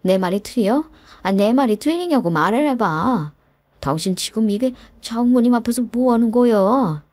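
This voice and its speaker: A woman's voice: on the high side, lively intonation, normal speed, darkish tone, dry recording. A woman doing a whiny, pushy son-in-law. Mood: pleading. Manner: whiny, coaxing pleading. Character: pushy male son-in-law, wheedling, business-obsessed.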